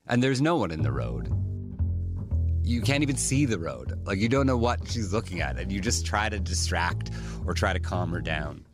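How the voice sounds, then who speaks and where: A man's voice: low-pitched, sing-song, moderate pace, over music. A man hosting a podcast, candidly telling the story of caring for his mother in a wry, conversational way. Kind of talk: personal storytelling.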